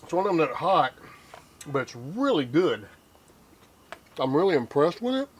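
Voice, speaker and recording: An older man, taste-testing a hot barbecue sauce on his cooking vlog, teary and sniffling from the heat, with slow, drawn-out hums and sighs. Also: fairly high pitch, big pitch swings, slightly rough. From Texas. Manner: slow, drawn-out reactions to spicy food with many hums and sighs. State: teary, nose running from the heat. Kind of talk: casual taste-test reaction.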